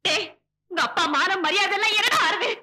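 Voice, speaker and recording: A shrill, outraged mother. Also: a little fast, sharp tone, heavily acted. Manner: shrill, scolding. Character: outraged mother, middle-aged woman.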